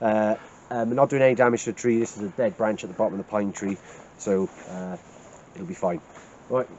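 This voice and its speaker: A man's voice: fairly low pitch, lively intonation, a little fast, gravelly, a little mellow, dull audio, slight background noise. A man with a South Wales Valleys accent chatting casually and jokily to a handheld camera outdoors. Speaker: camper filming an outdoor vlog. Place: outdoors at a woodland campsite.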